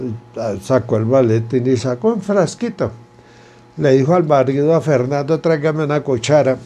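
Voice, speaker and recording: A man's voice: medium pitch, warm tone. A man narrating a folk tale in a dramatic, repetitive storytelling manner.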